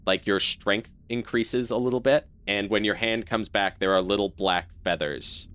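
A man's voice: lowish voice, normal speed, fairly bright tone. A man running a tabletop game as game master, explaining rules and narrating the action, often laughing.

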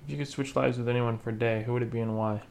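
A man's voice: mid-range voice, fairly even intonation, racing, vocal fry, a little mellow. A young man co-hosting a podcast, reading listener questions and teasing his partner in casual chat.

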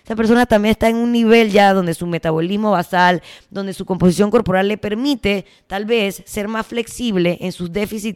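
A woman's voice: medium pitch, clean tone. A woman with a Panamanian accent hosting a podcast, talking bluntly in slang with crude jokes. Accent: Panamanian Spanish. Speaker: podcast host. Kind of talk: casual podcast monologue.

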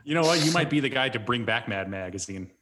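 A man's voice: mid-range voice, expressive, fast talker, background noise. A man hosting a podcast, reading an upbeat intro with casual slang and interviewing a guest. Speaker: podcast host.

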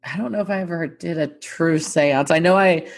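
A woman's voice: low-pitched, moderate pace. A woman co-hosting a casual podcast, rambling and laughing, with frequent swearing. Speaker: podcast co-host. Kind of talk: casual chat.

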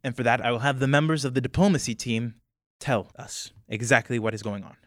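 A stern, formal council speaker, voiced by a man who calls the room to order in a commanding tone. The voice is close and dry, with a middling pitch. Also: a little fast, fairly bright tone, no room sound, close to an everyday voice.

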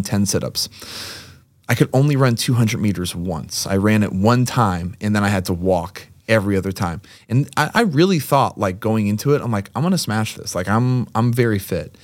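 On a podcast, a Massachusetts man who owns a CrossFit gym swaps stories in a chatty, joking way, tossing in asides as he goes. The recording is dry and his voice sits lowish.

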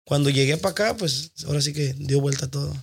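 A man with a Mexican accent, a band singer, telling stories in a relaxed, rambling chat full of slang. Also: on the high side, fast, creaky, breathy edge. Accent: Mexican Spanish. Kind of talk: casual chat.

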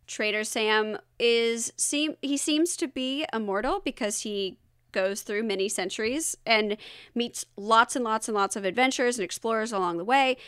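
Giggly high-voiced woman podcast host. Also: smooth, no echo, clean studio sound. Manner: giggly, animated storyteller. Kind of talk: casual chat.

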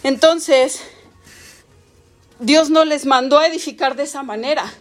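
High voiced lady prophet preaching, middle-aged, emphatic, keeps repeating herself. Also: measured pace. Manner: emphatic, repetitive lists, laughs at herself. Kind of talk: sermon.

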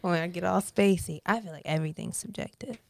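A woman in her twenties, a guest artist chatting on a podcast, talking in an animated way and sometimes dropping into a whisper. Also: on the low side, fast talker, vocal fry, dry recording. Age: 20s. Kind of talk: casual podcast conversation.

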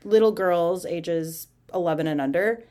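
A woman with a fairly low-pitched voice talks through a reading in a casual podcast chat. She keeps breaking in with sarcastic, deadpan remarks and swears freely. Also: a little slow. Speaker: podcast co-host. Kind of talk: casual irreverent chat, reading scripture aloud.

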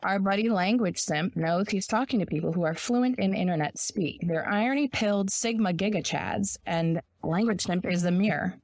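A woman in her thirties with a raspy sore throat, co-hosting a podcast and bluntly reading her essay aloud, swearing freely. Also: mid-range voice, no room sound. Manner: profane, blunt, reads quickly. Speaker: podcast co-host.

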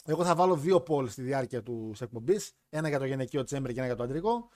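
Here a wrestling podcast host talks through a live chat stream in a mid-range, expressive voice with a darkish tone. He's chatty and playful, wandering off and restarting as he goes.

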